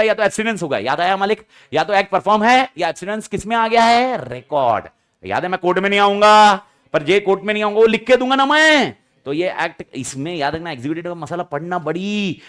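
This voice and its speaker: Animated male law teacher quizzing students. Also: fairly high pitch. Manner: animated, quizzes students and answers his own questions; acts out quoted speakers in example scenarios. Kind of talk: exam revision lecture.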